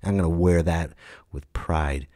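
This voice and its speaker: Deep and mellow, this man's voice moves at a measured pace over studio-quality audio with no echo. He's a podcast host in his late thirties, alone on the mic, ranting and spinning casual stories with blunt emphasis, swearing and acting out quotes.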